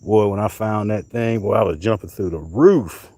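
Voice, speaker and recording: A middle-aged livestream host from North Carolina rambles casually about things he found, cursing as he goes, outdoors on a hot summer night. He talks at a moderate pace in a warm, lowish voice, recorded dry.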